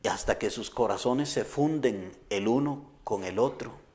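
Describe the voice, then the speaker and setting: A man's voice: mid-range voice, measured pace, darkish tone. A middle-aged man, a pastor preaching a sermon in an earnest, conversational way with frequent restarts.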